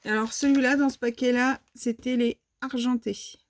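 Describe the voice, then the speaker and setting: A French woman vlogger shows off her shopping haul in a casual, hesitant way, full of fillers and restarts. Her voice is a little high and steady at a normal speed, with slight background noise.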